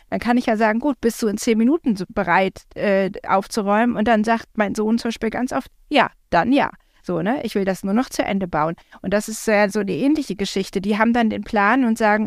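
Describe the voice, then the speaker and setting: A woman's voice: mid-range voice, no room sound, studio quality. A woman, a parent, talking in a chatty, reflective way with frequent fillers. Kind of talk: casual conversation.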